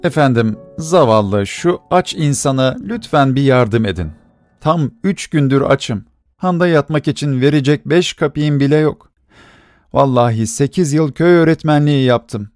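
A man's voice: medium pitch, expressive, moderate pace, a little mellow, no room sound, soft background music, natural voice. A man voicing a young drunken beggar who pleads and stammers. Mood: pleading.

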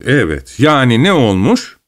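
A man voicing a jovial old father who speaks slowly in a warm, fatherly way. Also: medium pitch, huge pitch swings. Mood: puzzled. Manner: slow, fatherly, puzzled.

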